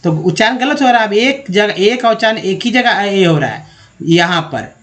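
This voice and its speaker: Man, high voice, English pronunciation lesson, slow drawn-out words, talks to viewers as friends. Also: lively intonation, fairly bright tone. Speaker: English teacher. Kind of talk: slide-based spelling lesson.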